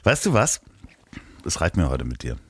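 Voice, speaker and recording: A man's voice: very deep voice, huge pitch swings, normal speed, breathy edge, no echo. A man co-hosting a casual podcast over a video call, teasing and rambling with fillers. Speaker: podcast co-host. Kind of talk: casual chat. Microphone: remote call.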